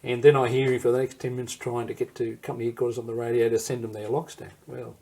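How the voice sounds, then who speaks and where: This older man speaks with an Australian accent, his tone medium in pitch, gravelly yet mellow, and his delivery flat and quick. Sitting for a recorded interview, he tells war stories anecdotally, wandering into digressions, restarting, and returning to his thread.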